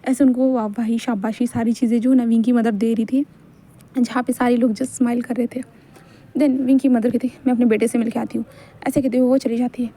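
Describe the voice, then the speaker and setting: Dark-voiced woman narrating a fan story. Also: on the high side, level tone, fairly quick. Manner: conversational, with frequent fillers and repeated words. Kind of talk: storytelling narration, voicing all the characters in dialogue.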